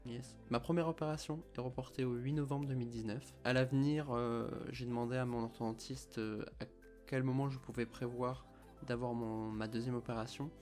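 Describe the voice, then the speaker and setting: A man's voice: mid-range voice, fairly even intonation, fairly quick, darkish tone. Young French man with a slight slushy lisp. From France. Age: early 20s. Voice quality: slight lisp, slushy s sounds from a palate expander. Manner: slightly mumbled articulation, chewing his words. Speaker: vlogger telling of his own treatment. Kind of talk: explanatory vlog talk to camera. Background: music.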